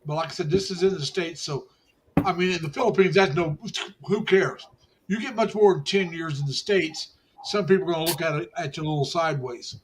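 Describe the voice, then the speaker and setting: High-voiced rambling man in his sixties. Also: brisk, noisy background. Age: 60s. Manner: rambling, repeats and restarts phrases. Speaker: co-host. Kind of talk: casual livestream chat.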